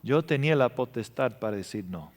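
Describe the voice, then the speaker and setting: A man preaching a sermon, telling emotional stories and swinging between loud passages and hushed ones. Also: mid-range voice, lively intonation, fairly quick. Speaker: pastor. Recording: reverberant hall.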